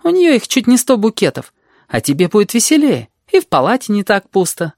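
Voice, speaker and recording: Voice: medium pitch, wildly swooping pitch, brisk, darkish tone, no room sound, clean studio sound, voice pushed up. A reader voicing a frail, sickly boy who talks in a playful, teasing way. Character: frail sickly boy, admired pet of the nurses.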